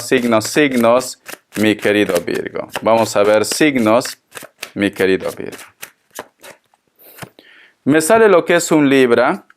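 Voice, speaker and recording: A man reading tarot cards aloud for viewers, taking his time over every phrase. He repeats himself often and speaks to the listener gently and reassuringly. His voice sits at an ordinary pitch for a man. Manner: slow, repetitive, consoling, addresses the listener tenderly. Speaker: tarot reader.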